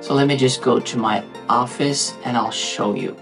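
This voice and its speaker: A man in his thirties from Norway, speaking with his native accent, presents a chatty, playful talking-head tutorial and often addresses viewers directly, over guitar music. His mid-range voice is a bit bright, with vocal fry and a moderate pace. He's indoors, frosted glass behind him.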